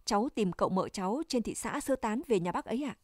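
A woman's voice: mid-range voice, expressive, fast, no echo, clean studio sound, lightly acted. A woman reading a novel aloud, voicing a polite young male soldier whose words break with grief. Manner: deferential, breaking with emotion.

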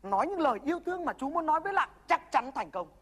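A woman's voice: sits high, sing-song, racing. A woman playing a bossy know-it-all older mentor. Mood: lecturing. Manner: lecturing, bossy, blustering. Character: cocky older-brother mentor, bossy and boastful. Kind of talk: comedy sketch acting.

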